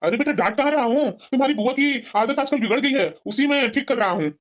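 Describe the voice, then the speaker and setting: A man's voice: very high voice, fast, a bit bright. A man voicing a kind middle-aged father who lectures his family patiently in a cartoon story. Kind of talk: cartoon dubbing. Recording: dull lo-fi sound.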